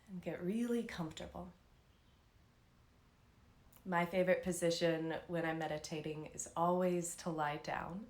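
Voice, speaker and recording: Calmly and without hurry, a female instructor talks listeners through a live guided meditation, pausing long between lines. Her voice is lowish and the room is echoey.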